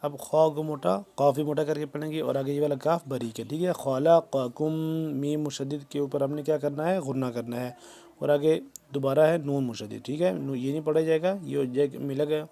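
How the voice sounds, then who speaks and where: Guy teaching tajweed, kinda high voice but mellow, slow drawn out recitation then quick explaining. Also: steady tone, gravelly. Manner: recites verses slowly and drawn out, then explains letter rules in quick plain speech.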